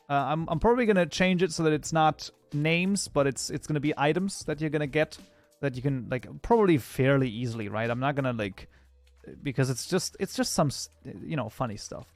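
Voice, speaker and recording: Give me a man chatting on a live stream, rambling and excitable, with soft music underneath. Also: a little high, dry recording. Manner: rambling, excitable, reacts to chat. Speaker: game modding streamer. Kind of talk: casual live-stream chat.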